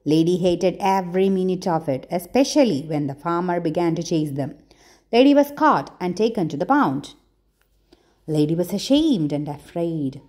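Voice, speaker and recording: A woman who hosts a channel reads a children's storybook aloud as a storyteller. Her voice sits on the low side, and her phrasing is deliberate and expressive, with dramatic pauses.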